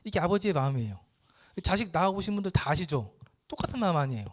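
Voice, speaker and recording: A man lecturing at church, retelling a parable with lively storytelling and rhetorical questions. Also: high-pitched, quick pace.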